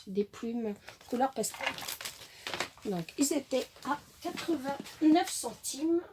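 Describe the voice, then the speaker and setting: A woman's voice: sits high, lively intonation, slow, noisy background. A woman chatting casually while showing off a craft-supply haul, hesitant with many fillers and self-corrections. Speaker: crafting vlogger.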